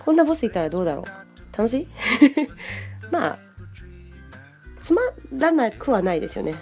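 A woman's voice: a little high, big pitch swings, moderate pace, vocal fry, darkish tone, soft background music. A woman hosting a casual language-learning podcast, talking in a chatty, upbeat way and laughing easily. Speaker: podcast host and English teacher.

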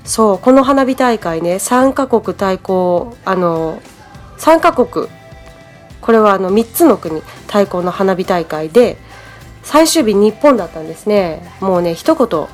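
A woman's voice: medium pitch, expressive, a little slow, faint music behind. A woman from Japan hosting a podcast English lesson, explaining in a friendly, chatty way. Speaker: English teacher, podcast host.

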